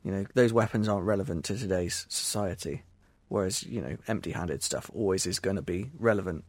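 A man's voice: sits low, fairly quick, darkish tone, dry recording. A man from England, co-hosting a casual chat podcast, rambling with restarts and joking at his own expense. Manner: self-deprecating, rambling with restarts. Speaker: podcast co-host.

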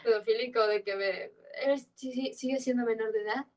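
As a guest on a podcast, a young woman in her twenties from Yucatán chats loosely in marked Yucatán Mexican Spanish, wandering through slang and filler words. Her voice is slightly high at a normal pace, with a bit of background noise.

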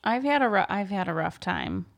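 A woman's voice: medium pitch, sing-song, moderate pace, gravelly. A woman co-hosting a podcast in casual chat, rambling with many fillers. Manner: rambling, full of "like" and "you know". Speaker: podcast co-host.

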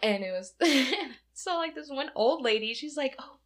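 A talkative woman in her twenties from Michigan co-hosts a podcast, chatting casually, laughing often and swearing freely. Her voice is high with lively intonation and an unhurried pace.

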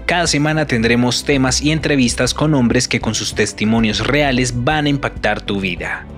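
A man's voice: medium pitch, moderate pace. Polished male announcer over faint music. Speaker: show announcer. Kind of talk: scripted podcast intro.

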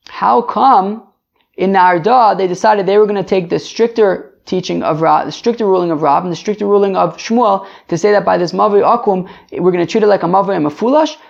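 A man teaching a daily Talmud lesson, explaining each line in an animated way with emphatic jumps in pitch. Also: vocal fry. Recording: dull lo-fi sound.

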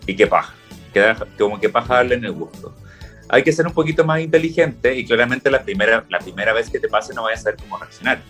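A man's voice: mid-range voice, fast talker, faint music behind. A young Chilean man chatting casually, telling stories and acting out what people said. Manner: relaxed storytelling, acts out quoted lines. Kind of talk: casual chat.

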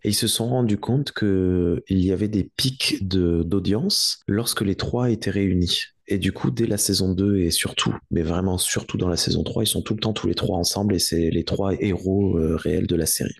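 Deep gravelly man explaining. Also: moderate pace, hardly any pauses. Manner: explanatory, with frequent restarts. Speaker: podcast guest. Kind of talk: casual chat.

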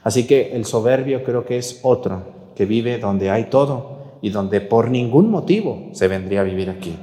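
Blunt Mexican priest scolding in a reverberant room. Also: male voice, mid-range voice, normal speed. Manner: blunt, scolding, animated with rhetorical questions. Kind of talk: sermon during Mass, addressing viewers.

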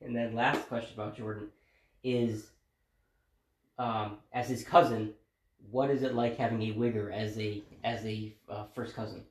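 A man's voice: lowish voice, flat delivery, normal speed. A man co-hosting a casual podcast, reading out questions in a laid-back, hesitant way with many fillers. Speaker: podcast co-host asking questions. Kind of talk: casual chat. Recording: echoey room.

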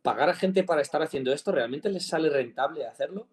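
A man's voice: fairly high pitch, quick pace. A man chatting casually as a podcast co-host, retelling a story with jokes. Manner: storytelling, jokey, animated retelling of a phone call. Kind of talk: casual chat.

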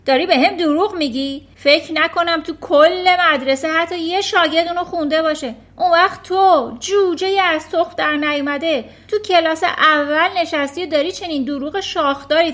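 A booming, blustering headmistress bellows insults at a pupil, as a woman storyteller puts her on. The voice is pushed high and very loud, and it stays harsh and scornful. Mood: furious. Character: bullying, furious giant female headmistress.

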